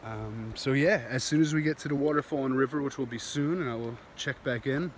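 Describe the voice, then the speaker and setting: Heading down a steep jungle path, a man in his thirties films himself on a handheld phone at arm's length, rambling excitedly and laughing a lot. He's a vlogger doing walk-and-talk narration at a slightly quick pace in a medium pitch. There's slight background noise.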